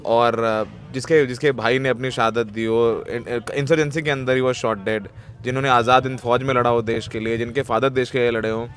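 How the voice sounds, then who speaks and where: A man's voice: medium pitch, fairly even intonation, a little fast. A man, a ground reporter, closing his piece to camera in an earnest, reflective and emotionally moved way. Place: outdoors at a protest site.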